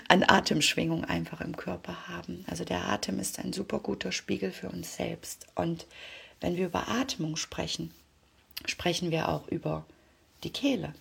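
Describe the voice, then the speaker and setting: Brief: woman, low husky gravelly voice, calm card-reading guide, slips into near-whispers. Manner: calm, often drops to a soft near-whisper. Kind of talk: reflective spoken guidance.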